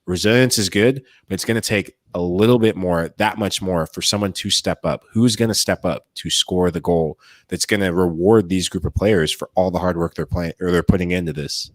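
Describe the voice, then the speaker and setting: On a studio-quality recording with no echo, a low-voiced man talks at normal speed with hardly any pauses. He's co-hosting a soccer podcast, animatedly working through tactics in long flowing runs and voicing imagined quotes from players and coaches. It's a casual analytical chat.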